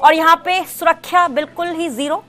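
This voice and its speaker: A woman anchoring a news bulletin, formal and steady, questioning a reporter. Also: very high-pitched, normal speed.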